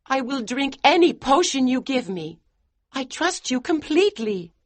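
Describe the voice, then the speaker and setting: A devoted, resolute young wife, as a male narrator puts her on. She pleads in a raised, higher voice, and the recording is dry and close. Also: very animated, a little slow, no echo, exaggerated voice. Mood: pleading.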